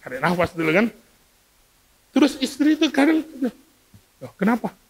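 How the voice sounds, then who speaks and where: High-voiced preacher man in a reverberant church. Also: fairly quick, slightly rough. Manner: lively, asks the congregation questions, acts out everyday scenes. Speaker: pastor. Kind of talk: sermon. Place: church hall. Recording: long hall reverb from a church.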